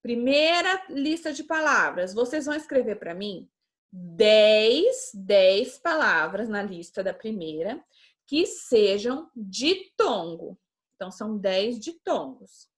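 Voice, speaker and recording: A young woman teacher with a Brazilian Portuguese accent gives a patient class to children, drawing out her example words slowly and often checking in with them. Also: mid-range voice, sing-song. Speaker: schoolteacher. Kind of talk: remote class lesson for children.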